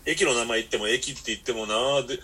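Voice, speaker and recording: A man's voice: mid-range voice, quick pace, bright, forceful tone, breathy edge. A man hosting a podcast, telling long rambling stories in blunt casual chat. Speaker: podcast host.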